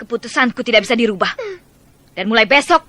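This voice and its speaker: An actress playing a cold, haughty young princess who speaks with icy contempt in a radio drama. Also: female voice, on the high side, quick pace, pushed and bright, dry recording.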